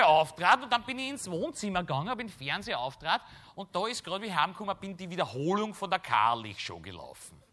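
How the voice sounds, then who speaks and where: A man with a Viennese accent doing a stand-up comedy monologue, telling a story with lively asides and tag questions. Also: fairly high pitch. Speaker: cabaret comedian.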